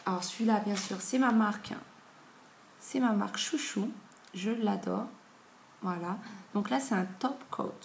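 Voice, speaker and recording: A woman's voice: medium pitch, a little slow, gravelly, long pauses. Chatty woman reviewing beauty boxes. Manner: chatty, with many fillers. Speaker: beauty vlogger. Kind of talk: casual product review. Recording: echoey room with faint noise.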